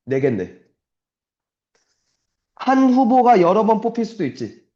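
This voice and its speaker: A young man teaches math in a classroom in a blunt, profane, chatty way, often stopping to ask if students are following. His voice sits a little high and moves up and down a lot, with a mellow, dark tone. The recording is roomy and dull, like a lo-fi classroom capture. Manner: blunt, swears casually, constantly checks understanding. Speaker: math tutor. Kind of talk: casual classroom lecture.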